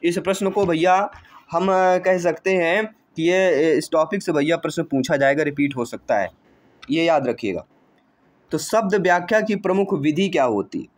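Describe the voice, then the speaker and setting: Higher-voiced male coaching teacher. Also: normal speed. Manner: addresses listeners warmly as dear friends and brother; repeats answers and quizzes listeners with rhetorical questions. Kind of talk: exam-prep lesson.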